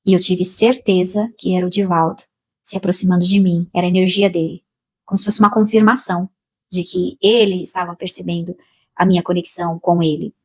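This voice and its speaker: A Brazilian woman slowly and emotionally telling a personal spiritual testimony, with many repetitions. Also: on the low side, steady tone, breathy edge. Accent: Brazilian Portuguese. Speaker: spiritual channel host.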